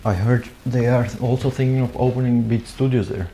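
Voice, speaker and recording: Gravelly male interview host. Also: mid-range voice, fairly even intonation, brisk, mellow, slight background noise. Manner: inquisitive, repeats words when searching. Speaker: podcast host. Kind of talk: casual interview chat.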